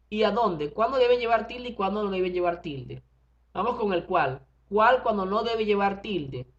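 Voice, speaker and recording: A woman teacher explaining a grammar lesson, reading out examples and checking in with short questions. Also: mid-range voice. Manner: reads out examples, checks in with '¿ve?' and '¿verdad?'. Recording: dull lo-fi recording.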